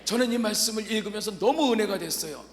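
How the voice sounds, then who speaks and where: Male pastor, revival sermon, high lively pitch, dramatic hushed-to-shouted delivery, roomy church reverb. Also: fast talker. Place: large church sanctuary. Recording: echoey church hall reverb.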